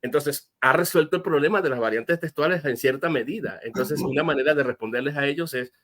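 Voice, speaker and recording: A pastor explaining a Bible question as an interview guest, earnest and step by step, with frequent fillers and restarts. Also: male voice, a little high, fairly quick, fairly bright tone. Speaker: guest answering viewer questions.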